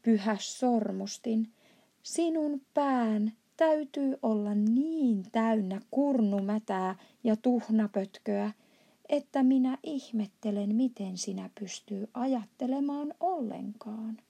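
A woman voicing a huge, kindly old male giant who mangles his grammar and bursts into indignant shouts. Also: fairly high pitch, creaky, slightly rough. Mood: indignant, shouting. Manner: mangled grammar and made-up words, shouts in outbursts.

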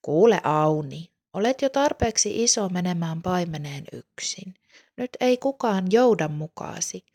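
A gentle, patient mother from a storybook, voiced by a woman reader. She speaks softly and reassuringly, and her voice sits a little low. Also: expressive.

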